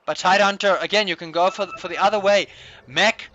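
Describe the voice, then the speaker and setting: A man's voice: sits high, steady tone, brisk, pushed and bright, highs cut off. A man commentating live esports play-by-play like a hype fighting game announcer, calling out big plays.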